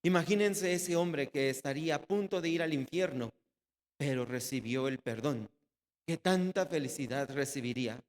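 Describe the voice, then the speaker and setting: A man preaching in a church hall whose long reverb trails after each line. His voice sits a little high for a man. He asks the congregation questions and answers them himself, and many phrases sink to a soft, low close. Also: normal speed. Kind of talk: sermon.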